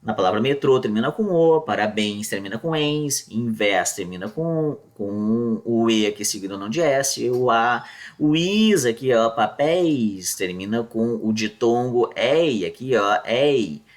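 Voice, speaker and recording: Lively man teaching a lesson. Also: medium pitch, a little slow. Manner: casual explaining, checks in with "tá?" often. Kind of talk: exam-prep grammar lesson.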